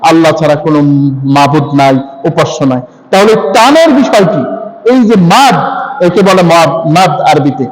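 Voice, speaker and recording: A man teaching how to say a prayer, explaining point by point and slowly chanting the prayer words for listeners to repeat. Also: a little high, very animated, a crowd in the background, poor audio. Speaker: religious teacher. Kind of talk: prayer recitation lesson.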